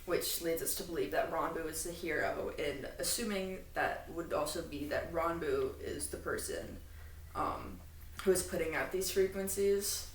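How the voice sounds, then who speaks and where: A low-voiced woman co-hosts a casual podcast, explaining things in an informal, fannish way that trails off into asides at a normal speed. The mic is distant, the room echoes, and faint noise is audible.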